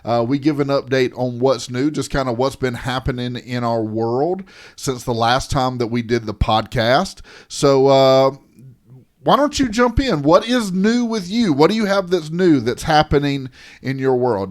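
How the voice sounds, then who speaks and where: A man from the Southern United States co-hosts a podcast in casual chat, speaking at normal speed with a mid-range voice. He rambles, restarts his sentences, and often teases his co-host.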